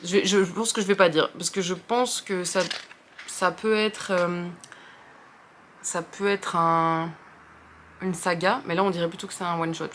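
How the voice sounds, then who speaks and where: A young Frenchwoman talks loosely about books, stumbling through fillers and restarts and poking fun at herself. Her voice sits a little low for a woman. A faint hiss of the room lies under her. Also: fairly even intonation, unhurried, long pauses, fairly bright tone. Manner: rambling, many fillers and restarts; self-deprecating, chatty. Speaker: book video host. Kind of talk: casual chat about books.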